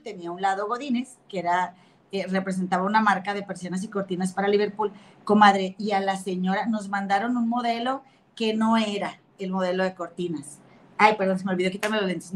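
A woman's voice: mid-range voice, fairly bright tone, a little hiss or hum. A woman with a Mexican Spanish accent hosting a casual gossip podcast, chatting with her comadre and reading viewer comments aloud. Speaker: podcast host.

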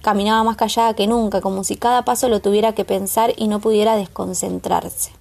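A woman's voice: medium pitch, fairly even intonation, fairly quick, creaky, a little mellow. Woman narrating with a Rioplatense Spanish accent. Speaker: audiobook narrator. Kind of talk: scripted narration.

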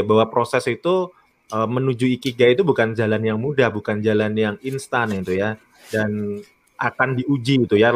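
Reflective man with many fillers. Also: medium pitch. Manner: frequent tag "itu ya" and "gitu ya", hesitant fillers; reads viewer comments aloud. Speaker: co-host of a live talk show. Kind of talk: casual reflective discussion.

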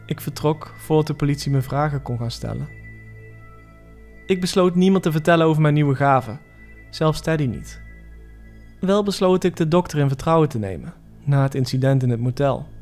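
Man narrating a horror story, slightly high. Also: a little mellow, soft background music. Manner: measured, dramatic first-person storytelling. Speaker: podcast narrator.

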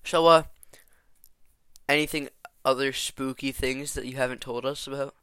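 Young male podcast host, teasing and playful, bright and clear on a headset. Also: mid-range voice, steady tone, moderate pace, no echo. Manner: playful, teasing, prompting his friend. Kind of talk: casual chat on a call.

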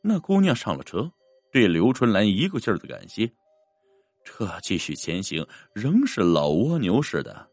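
Expressive male storyteller, dry voice. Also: moderate pace, no echo, soft background music. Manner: expressive, swinging pitch. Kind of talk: dramatic story narration.

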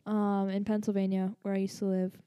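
A woman's voice: mid-range voice, completely flat delivery, brisk, dry recording, lo-fi sound. A woman with a slight lisp, telling a story in a casual, rambling way with lots of fillers and asides.

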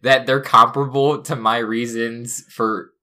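Playful young man with a bright voice. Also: mid-range voice, fairly even intonation, unhurried. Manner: playful, mock-serious, laughs often. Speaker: podcast co-host. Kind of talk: casual comedic chat.

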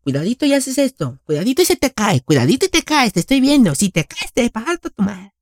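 A scolding Mexican mom hurling shrill warnings at her kid, put on by a man. The voice is raised high and gravelly, with a lively, swooping delivery. It sounds dry and close. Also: fairly quick, dry recording, full character voice. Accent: Mexican Spanish. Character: scolding Mexican mother, stern and threatening.

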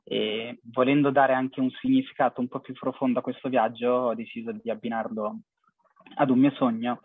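Husky young man over a phone-like line. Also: mid-range voice, level tone, moderate pace. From half Syrian family. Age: young adult. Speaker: interviewee, charity cycling traveller. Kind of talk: reflective personal account in an interview. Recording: thin phone-like call audio, husky dry sound.

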